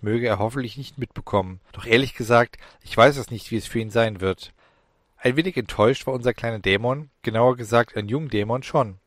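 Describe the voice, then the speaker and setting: A man narrating an audiobook in a measured, deliberate reading. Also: medium pitch, dry recording, clean studio sound.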